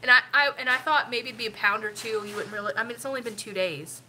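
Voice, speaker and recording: This middle-aged woman, sniffly and congested, runs a family live stream and chats in a rambling way, dropping lots of ums. She talks quickly in a rather high, pushed, bright voice, and the low-quality recording has a little hiss or hum.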